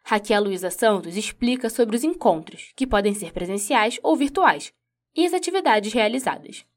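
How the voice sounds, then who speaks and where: A woman news reporter, reading a scripted report in a measured, even way. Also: a little high.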